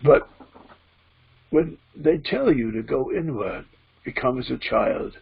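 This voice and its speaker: Man as gravelly seance medium channeling a spirit. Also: medium pitch, expressive, exaggerated voice. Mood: earnest, teaching. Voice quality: gravelly, husky. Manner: seance medium manner, preachy, deliberate, emphatic repeated phrasing. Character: spirit guide speaking through a trance medium, solemn teacher. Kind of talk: trance-channeled spiritual teaching. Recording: dull, muffled lo-fi audio.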